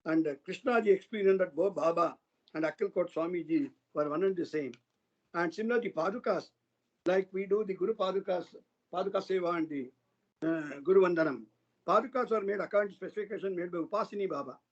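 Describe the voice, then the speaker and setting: A high-voiced man talks quickly through a devotional satsang, earnestly and loosely retelling stories of saints. The online audio is flat and lo-fi.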